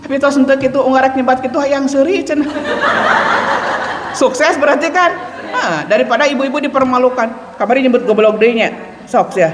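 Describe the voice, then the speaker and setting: A woman's voice: sits high, brisk, background noise. A woman religious teacher with a Sundanese accent gives a Ramadan lesson on Quran recitation, playful and laughing often. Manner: playful, laughing often, mixing in local words. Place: mosque hall. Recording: echoey mosque hall with long reverb.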